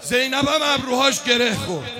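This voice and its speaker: Mourners can be heard behind a man leading a Shia lament, recited both spoken and chanted with intense passion. His extremely high voice swings widely in pitch as he moves from speaking to shouting to a slow wailing chant.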